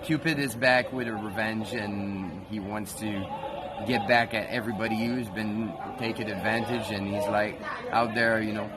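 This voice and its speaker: A French Canadian man with a light Quebec accent chats casually on a live stream from a busy city street, his lowish voice steady and at normal speed. He rambles, restarting and correcting himself often, while a loud crowd and traffic fill the recording.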